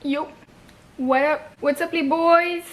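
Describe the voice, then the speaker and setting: A young woman with a Quebec French accent telling a personal story casually to camera, expressive and slangy, with swearing and English words mixed in. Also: high-pitched, takes it slowly. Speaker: vlogger.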